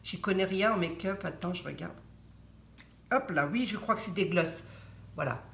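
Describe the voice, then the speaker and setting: A woman's voice: fairly low pitch, normal speed, creaky, roomy sound, slight background noise. An older woman chatting casually on her vlog as she unboxes a gift, hesitant and full of fillers, often laughing at her own jokes. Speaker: vlogger.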